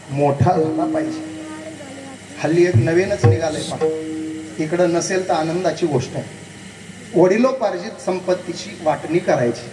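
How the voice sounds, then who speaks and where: A man delivering a devotional kirtan sermon, his high voice sounding from a distance across a big hall with a long reverb tail. He tells a story and acts out each side of the dialogue as he talks to the crowd. A faint hum of the gathering sits behind him. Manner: acts out both sides of a dialogue, addresses the crowd directly. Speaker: kirtan preacher.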